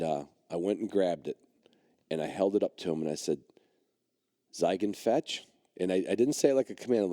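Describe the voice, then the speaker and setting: Man, middle-aged, low voice, dry sound, rambling storyteller, podcast host. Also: mellow, no echo. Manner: rambling, heavy on fillers and restarts. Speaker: podcast host and dog trainer.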